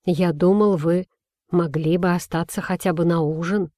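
A woman's voice: fairly low pitch, steady tone, moderate pace, warm tone, dry recording, natural voice. Woman reading as a haughty young prince, petulant, sulky, spoiled, dry close sound.

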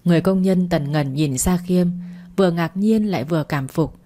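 A woman narrating a story in a steady, even way. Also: fairly low pitch, normal speed.

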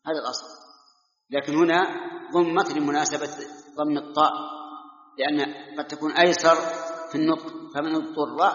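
A man's voice: on the high side, little pitch movement, a little fast, pauses often, fairly bright tone. A man teaching Quran commentary, questioning his students and chiding them when they forget. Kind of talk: classroom lesson with questions to students. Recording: echoey hall, dull lo-fi lecture tape.

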